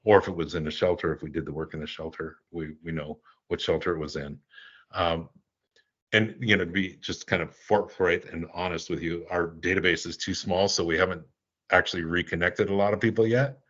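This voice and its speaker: An older man, a guest in an interview, telling stories casually and rambling with halting restarts. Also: deep voice, fairly even intonation, a bit bright, lo-fi sound. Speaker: guest, animal relief volunteer.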